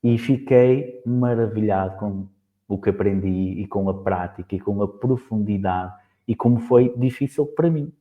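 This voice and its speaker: Low-voiced European Portuguese man on a tinny line. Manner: fast, halting speech with many restarts. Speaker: podcast host. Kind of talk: casual interview.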